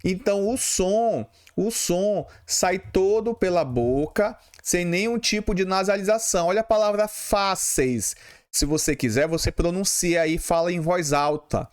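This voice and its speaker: A man's voice: high voice, unhurried. A man with a Brazilian Portuguese accent teaching grammar for public exams, who explains patiently, repeats key terms and often checks in with "tá bom?". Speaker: exam prep teacher.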